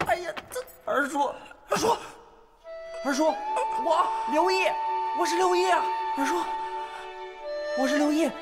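A man's voice: extremely high pitch, unhurried, pauses often, loud music behind the voice. An actor playing a brave, rash young male servant in a historical TV drama, speaking urgently and impulsively.

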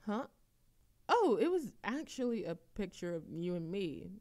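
With a mid-range voice and a measured pace, a woman acts out a close-friend roleplay, playing a dramatic young woman who teases her best friend. The chat is wry and conversational, full of lively complaining and mock exasperation.

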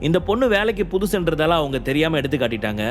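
A man's voice: on the high side, very animated, quick pace, faint music behind, voice pushed up. Guy playing a sweaty nervous shop manager, stammering and fawning, then stiff and preachy. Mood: stern. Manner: flustered, servile then scolding.

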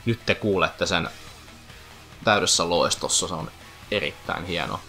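A Finnish man doing let's-play commentary, chatty and full of trivia. His voice is gravelly and bright, and slightly low. Game music plays faintly behind him. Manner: chatty, explains name origins and trivia. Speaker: gaming commentator.

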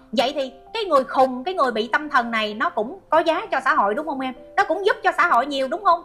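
A woman's voice: sits high, pushed and bright. A middle-aged woman hosting an online commentary show, reading out viewer comments and scolding a hater with sarcasm.

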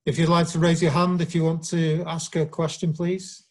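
A man's voice: on the high side, flat delivery, moderate pace. A man moderating a press conference, making procedural announcements. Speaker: press officer.

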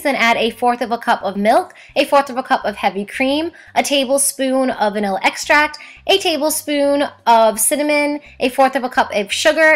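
A woman hosting a casual cooking vlog, chatting upbeat through step-by-step recipe instructions. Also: on the high side. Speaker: recipe-testing vlogger. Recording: roomy echo with faint background music.

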